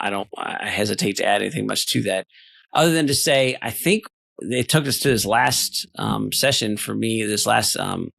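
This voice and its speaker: Fast-talking gravelly male podcast host. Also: on the low side, fairly bright tone, dry recording. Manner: thoughtful, rambling with fillers. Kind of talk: casual podcast chat.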